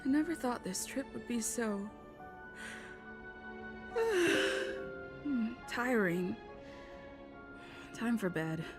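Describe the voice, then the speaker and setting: An actress playing a weary young female traveler who speaks in a tired, quiet way. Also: fairly high pitch, big pitch swings, extremely slow, long pauses, music in the background, exaggerated voice.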